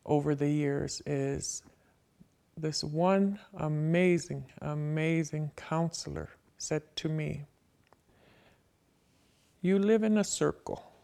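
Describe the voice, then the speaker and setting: Older woman, voice disguised deep and gravelly. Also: steady tone, mellow. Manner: slow, deliberate, reflective. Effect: voice disguised, pitched down to sound like a man. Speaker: interviewee. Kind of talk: reflective personal testimony.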